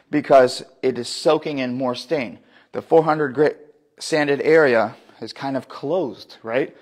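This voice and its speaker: Recorded by a phone camera a few meters off, a mid-pitched, slightly mellow man in his 30s demonstrates woodworking live in a big indoor workshop. He talks through the work as he goes, frequently restarting and correcting himself.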